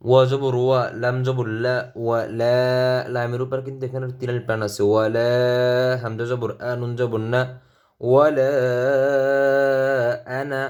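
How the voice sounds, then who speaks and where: A Bengali-speaking man teaching Quran reading, spelling out each letter and vowel slowly and deliberately. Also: mid-range voice, flat delivery, darkish tone, highs cut off. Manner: slow, deliberate syllable-by-syllable spelling.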